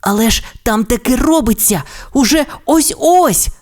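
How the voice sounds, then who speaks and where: A bubbly young troodon boy from a storybook tale, as a man puts him on. His voice jumps high and swings widely with eagerness. He blurts out each line in excited exclamations. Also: normal speed.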